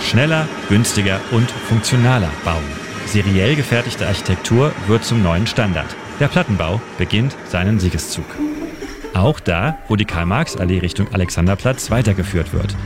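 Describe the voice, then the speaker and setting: Lowish male radio narrator, measured scripted delivery with pauses, loud music bed underneath. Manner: measured, with dramatic pauses in lists. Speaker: radio editor and city guide.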